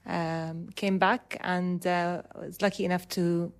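An urban planner from Dubai, in her thirties, answers interview questions with measured care, pausing with ums and restarting phrases. Her voice is on the low side and her delivery flat.

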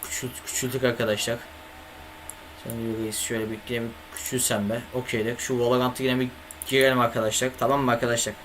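A man's voice: medium pitch, flat delivery, fast, noisy background. A young man streaming games live, chatting casually with viewers and grumbling at his computer, from a home setup on a desk microphone. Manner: swears and grumbles at the computer, talks to chat. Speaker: gaming streamer.

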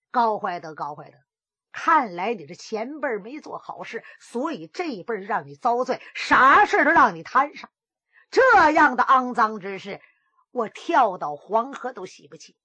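A woman's voice: fairly high pitch, big pitch swings, moderate pace, sharp tone, slightly rough, dry recording, heavily acted. A woman storyteller voicing a wronged young nobleman lamenting in earnest inner monologue. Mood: resigned.

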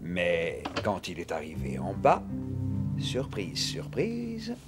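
A man in his fifties playing a gruff, wily police inspector in a dubbed TV crime drama, with a dry, sardonic manner. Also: sits low, huge pitch swings, takes it slowly, music in the background, exaggerated voice. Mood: quiet, wry. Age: 50s. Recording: noisy TV soundtrack with background ambience.

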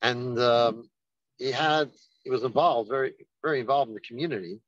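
A man's voice: mid-range voice, dry recording. Rabbi guy giving a holiday sermon, storytelling, kinda dull dry lo-fi sound. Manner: unhurried storytelling with animated quoted voices.

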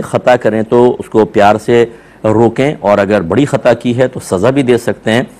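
In this religious question-and-answer session, a man who is an Islamic scholar speaks earnestly despite a sore throat. He has a slightly mellow, mid-range voice that rises sharply when he quotes people.

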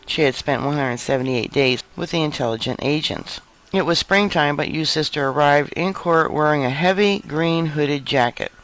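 A man reads a news report in an even, measured way. His voice sits a little higher than most men's, and he keeps a scripted narrator's delivery throughout. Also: low-quality recording. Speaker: news reader.

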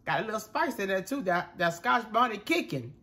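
A congested man narrating a casual cooking video from his home kitchen, relaxed and chatty, talking to viewers as y'all. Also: high-pitched, fairly quick. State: congested, coughing. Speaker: home cook.

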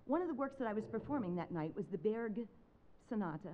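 A woman pianist giving a public talk from a stage, telling a personal story in a dramatic, animated way. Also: mid-range voice, fast talker, lo-fi sound, a little hiss or hum. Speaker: speaker, concert pianist. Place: stage talk before an audience.

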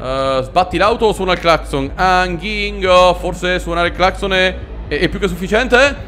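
A man giving excitable, joking commentary while playing a horror video game. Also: high-pitched, moderate pace. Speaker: gaming video host. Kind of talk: let's play commentary. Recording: voice over loud game music.

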